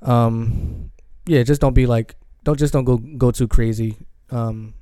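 A man's voice: medium pitch, steady tone, a little slow, warm tone, clear, resonant tone, no room sound. A man co-hosting a casual podcast chat, talking in a laid-back, drawling way with lots of ums. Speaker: podcast co-host.

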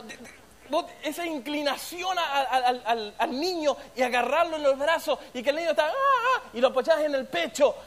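A man preaching a sermon in an animated, playful way with sound effects. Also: very high-pitched.

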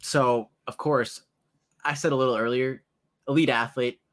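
A man's voice: mid-range voice, steady tone, moderate pace, fairly bright tone. A man co-hosting a casual sports talk show, talking eagerly and conversationally. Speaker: podcast co-host.

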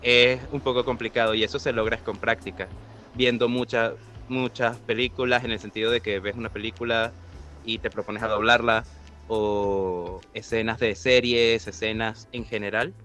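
A man's voice: on the low side, level tone, normal speed, a bit bright. A man talking about voice acting in a casual podcast conversation, explaining step by step and laughing easily. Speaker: voice actor guest.

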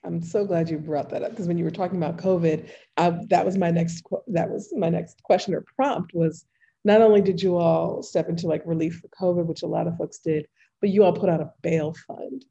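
Woman podcast host, enthusiastic and casual, mellow lowish voice, muffled lo-fi line. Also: steady tone, brisk, vocal fry. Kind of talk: conversational podcast interview. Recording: dull lo-fi sound.

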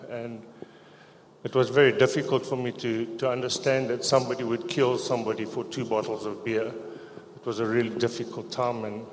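A middle-aged South African man gives a personal testimony as a church member, speaking quietly, haltingly and hesitantly at medium pitch with a level tone. He uses a handheld microphone in an echoey church hall, with slight background noise.

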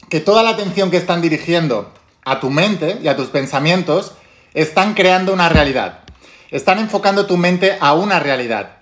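A man's voice: a little high, fairly bright tone. A man with a Spain Spanish accent, a self-help teacher speaking directly to viewers in an emphatic way and repeating key phrases.

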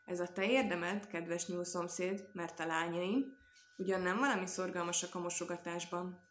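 A woman voicing a kindly, gracious hostess who has a polite, flattering word for everyone, in an echoey room. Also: fairly low pitch, slight background noise, close to an everyday voice.

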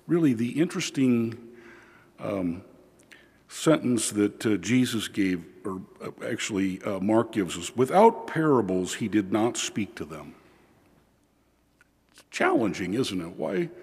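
A man preaching as a priest at church, reading scripture and giving a homily in a measured, deliberate way, with pauses. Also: mid-range voice, darkish tone, husky. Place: large church, indoors. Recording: long cathedral echo, large hall.

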